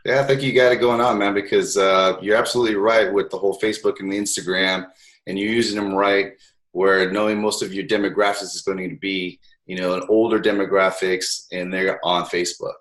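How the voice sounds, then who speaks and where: A man's voice: deep voice, steady tone, brisk, fairly bright tone. A man hosting a casual interview, encouraging his guest and speaking directly to listeners. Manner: friendly, encouraging, addresses listeners. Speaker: podcast host.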